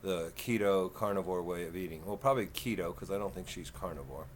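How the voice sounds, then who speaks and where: A man's voice: sits low, slight background noise. Folksy Texan man in his fifties. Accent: Texan southern twang. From Texas. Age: 50s. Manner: slow, folksy, rambling. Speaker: vlogger. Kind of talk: casual vlog talk.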